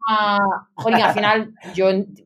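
A woman's voice: mid-range voice, normal speed. Spanish woman in her thirties. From Spain. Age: 30s. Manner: chatty, mixes English business terms. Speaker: guest. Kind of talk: conversational interview. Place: London.

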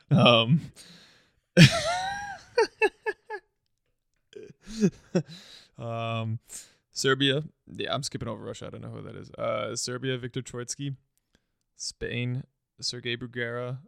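A man's voice: mid-range voice, steady tone, normal speed, vocal fry, a bit bright, no room sound, studio quality. A young man co-hosting a podcast, chatting casually in a laid-back, joking way with many "um"s. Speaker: podcast co-host.

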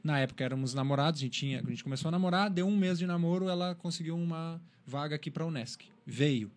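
Fast-talking, animated man. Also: on the high side. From Brazil, São Paulo. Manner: animated storyteller, acts out quotes. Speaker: interview guest, cycling content creator. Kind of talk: casual interview chat.

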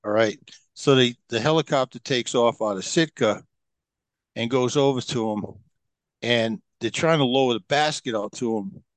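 A man's voice: mid-range voice, moderate pace, no room sound. A middle-aged man, a podcast guest, telling long stories in a rambling, casual way with many fillers and restarts. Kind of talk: casual storytelling.

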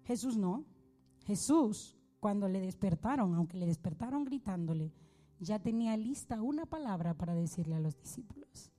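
A woman's voice: medium pitch, lively intonation, normal speed, mellow, soft background music. A woman preacher giving a sermon in a conversational way, asking rhetorical questions and building to fervent appeals.

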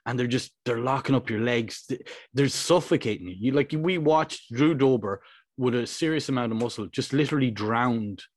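A young man co-hosting a podcast in casual chat, animated and sweary, acting out quotes as he talks. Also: mid-range voice, normal speed, no echo. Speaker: podcast co-host.

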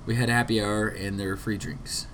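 A man's voice: lowish voice, fairly even intonation, normal speed, a bit bright, a little hiss or hum. A young man co-hosting a podcast, a little tipsy, telling rambling stories and defending himself in casual chat. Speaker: podcast co-host.

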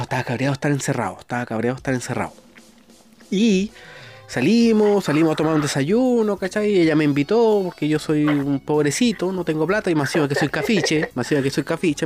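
A man's voice: fairly high pitch, darkish tone. A man with a Chilean accent chatting casually as a podcast host, crude, slangy and joking. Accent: Chilean Spanish. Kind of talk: casual chat.

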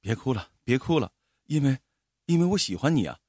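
A gentle, devoted young village man speaks with earnest reassurance, as a male storyteller reads his lines. His mid-pitched voice rises and falls freely, and the recording is dry and close. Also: big pitch swings, a little fast, dry recording. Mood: earnest soothing. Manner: soothing, earnest.

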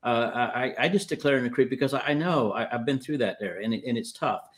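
A preacher in his fifties speaks with a speech impediment as he leads spontaneous charismatic prayer and exhortation over a livestream call. Halting and repetitive, he stumbles over words in a medium-pitched voice.

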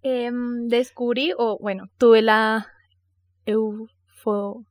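A woman co-hosting a casual podcast, telling anecdotes in a playful, animated storytelling manner. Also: fairly high pitch, very slow, no echo. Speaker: podcast co-host.

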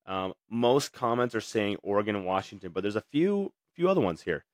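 A man's voice: lowish voice, big pitch swings, brisk, no echo, clean studio sound. A young man hosting a casual sports talk show, reading viewer comments and rambling through his takes with many fillers and restarts. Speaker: podcast host.

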